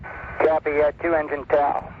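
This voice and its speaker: A man's voice: fairly high pitch, completely flat delivery, measured pace. A man, an astronaut, giving terse, clipped callouts over a crackly space-to-ground radio link. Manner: clipped, matter-of-fact. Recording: distant lo-fi radio over loud hiss.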